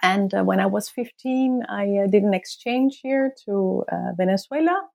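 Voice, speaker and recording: A woman's voice: mid-range voice, normal speed, gravelly, a little mellow. A woman from the Netherlands in her late thirties, a native Dutch speaker, speaking English as an anthropologist guest. She answers thoughtfully and hesitantly, with many fillers. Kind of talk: interview.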